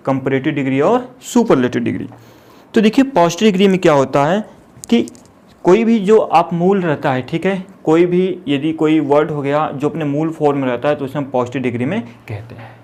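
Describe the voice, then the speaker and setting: A man teaches English grammar in a classroom-style lesson, his voice sitting a little high. He draws out each example word slowly and often stops to check whether the class is following. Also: darkish tone.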